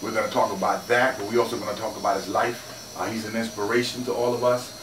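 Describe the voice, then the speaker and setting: A man's voice: on the low side, steady tone, fast, echoey room, far from the mic, background noise. A man hosting a radio interview, prompting his guest in a friendly way with frequent fillers. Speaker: radio host. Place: radio studio.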